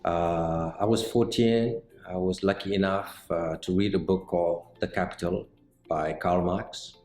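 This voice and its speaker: Deep-voiced Senegalese-born man explaining calmly. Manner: measured, explanatory, with frequent "uh" pauses. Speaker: mortgage banker interviewee. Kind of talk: sit-down interview answers. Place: indoor office set with bookshelves. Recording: roomy indoor sound with faint music.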